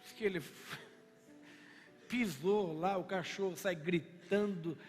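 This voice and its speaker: A man's voice: high voice, slow. A male pastor with a Brazilian Portuguese accent preaching a sermon in a church, telling stories and acting out the dialogue. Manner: storytelling, animated, acts out dialogue. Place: church sanctuary. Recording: reverberant church hall with faint music.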